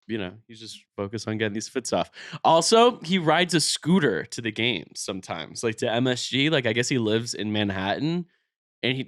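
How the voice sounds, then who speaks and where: A man's voice: on the low side, dry recording, studio quality. A man co-hosting a podcast, needling his partner in playful casual banter. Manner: playful, needling, easily amused. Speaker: podcast co-host. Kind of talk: casual banter about fashion and basketball.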